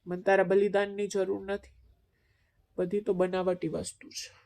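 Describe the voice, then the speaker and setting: A cold, proud young husband snaps out curt rebukes in a storybook reading, as a woman narrator voices him. The delivery stays close to her own soft, middle-pitched voice. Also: level tone, normal speed, gravelly, close to an everyday voice. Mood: angry. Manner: curt, scolding.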